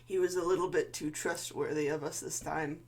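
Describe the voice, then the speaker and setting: A woman's voice: sits low, fairly even intonation, fairly quick, slightly rough. Woman acting a smug, wounded male villain scientist. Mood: evasive.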